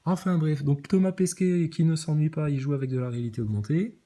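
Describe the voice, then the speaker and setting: Sarcastic male commentator, slightly high, mellow tone, mocking and scornful. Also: brisk, slight background noise. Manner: mocking, scornful, jumps between mutters and outbursts. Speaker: video commentator.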